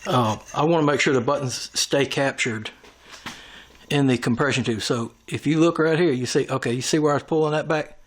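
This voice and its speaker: An airgun tuner demonstrates machining in a hands-on workshop tutorial, explaining each step as he works with his tools. His voice is mid-range and his pace a little fast.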